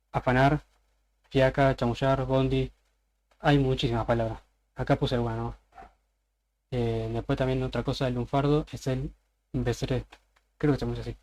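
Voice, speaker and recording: Flat-voiced Argentine man explaining slang. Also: medium pitch. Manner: casual, explains slang word by word with examples. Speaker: presenter. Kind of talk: informal presentation on a voice chat server.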